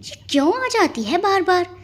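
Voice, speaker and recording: A woman's voice: extremely high pitch, big pitch swings, moderate pace, voice pushed up. A woman voicing a cheeky young woman who grumbles and complains in a storybook reading. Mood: grumbling.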